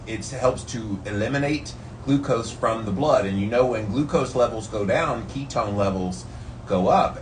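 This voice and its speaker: A man sitting in ice cold water, explaining things casually to his followers like a health vlogger. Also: medium pitch. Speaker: vlogger sharing health tips. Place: in an ice bath, ambient noise behind. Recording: distant mic, background noise.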